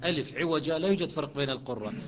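A man's voice: on the high side, very fast, crowd noise. Man teaching recitation, muffled audio. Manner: corrective, explains and demonstrates recitation. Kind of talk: online tajweed lesson. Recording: muffled lo-fi sound.

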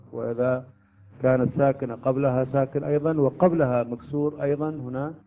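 A man teaching Quran recitation rules, explaining step by step, chanting examples slowly and quizzing his students. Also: medium pitch, warm tone. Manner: asks students questions. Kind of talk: tajweed lesson. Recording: dull lo-fi recording.

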